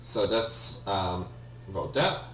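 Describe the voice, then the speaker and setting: A deep, slightly bright voice, animated but slow, belongs to a young let's-play gamer whose native language is Polish and whose accent is Polish. His commentary on the game is casual yet hesitant and apologetic, peppered with ums and restarts. Echo, a faraway mic and a faint hum come through.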